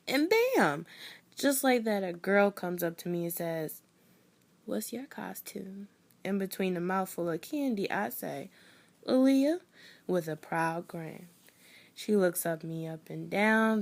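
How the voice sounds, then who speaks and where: A young woman telling a performed personal story with wry humor, swinging between loud bursts and near whispers. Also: fairly low pitch.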